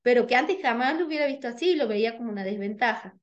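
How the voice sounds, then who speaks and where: Fast and expressive, a Tucumán-accented Argentine woman co-hosts a relaxed radio podcast, sounding sincere and thoughtful. She says her voice is high-pitched. The recording is muffled.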